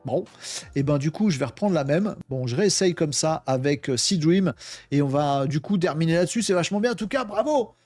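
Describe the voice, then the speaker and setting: A man with a slightly high voice talks his way through a casual screen demo, filling pauses with hesitations and quips to himself. The sound is close and dry, with no room around it. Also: expressive, darkish tone, no echo, faint music behind. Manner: chatty, thinks aloud, many fillers and self-talk. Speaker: tech video host.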